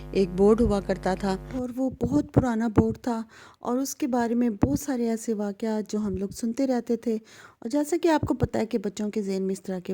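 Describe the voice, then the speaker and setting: Vlogger, woman from Pakistan, warm mellow voice, chatty storyteller, faint music under. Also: medium pitch. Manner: chatty, reenacts scenes with rising excitement. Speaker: vlogger telling a childhood story. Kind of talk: casual storytelling to camera.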